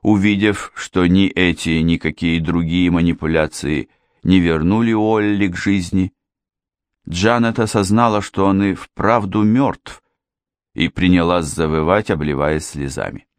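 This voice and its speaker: A man narrating a classic detective audiobook in a measured, even reading. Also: sits low, smooth, no echo, clean studio sound. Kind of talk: scripted narration.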